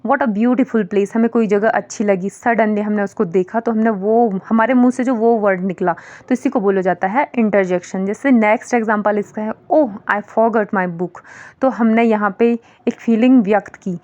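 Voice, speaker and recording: A woman teaching beginner English grammar, patiently explaining each point with simple examples and reading the example sentences slowly and clearly. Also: medium pitch, steady tone, darkish tone, highs cut off.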